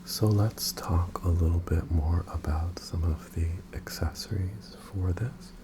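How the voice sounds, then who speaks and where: A man in a whispered ASMR role-play as an attentive, courteous tailor, breathy and softly presenting his wares to a customer. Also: low voice, fairly even intonation, unhurried.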